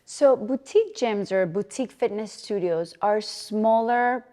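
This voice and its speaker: In an unhurried, warm, mid-range voice, the woman from Colombia, who coaches fitness and runs her own gym, shares earnest reflections as an interview guest. The personal conversation carries a long reverb tail.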